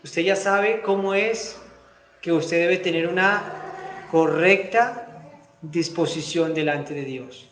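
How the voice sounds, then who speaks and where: A man with a high voice preaches at a slow, deliberate pace. He swings between emphatic bursts and quiet, fervent prayer. His voice rings out in an echoey church room. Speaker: pastor. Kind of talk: sermon and spoken prayer.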